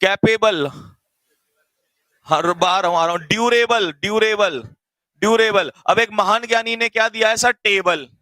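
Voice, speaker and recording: Teasing and energetic, a man teaching English grammar online quizzes his students in quick succession. The voice is high-placed, and while there's no echo, the recording quality is low.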